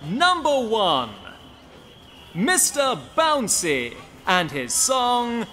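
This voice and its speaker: A man voicing a loud, cheerful circus announcer in a children's cartoon, calling out in a showman's style. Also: big pitch swings, very slow, slight background noise, full character voice. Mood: excited. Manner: booming showman calls.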